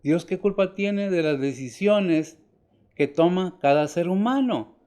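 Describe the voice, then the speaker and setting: Older male preacher, dark mellow tone. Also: high-pitched, expressive, unhurried, clean tone. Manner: rhetorical questions, emphatic rises and quiet drops. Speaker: pastor. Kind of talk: sermon.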